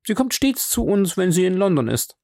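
An eager, polite hotel clerk answers questions, voiced by a man reading aloud. The voice sits high and bouncy, with a gravelly edge. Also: big pitch swings, moderate pace, warm tone, dry recording, clean studio sound. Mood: obliging.

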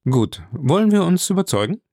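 A man's voice: a little high, big pitch swings, normal speed, mellow, no room sound, studio quality, pitched above the performer's own voice. A man voicing a commanding, mocking nobleman who orders his servant about. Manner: imperious, ironic.

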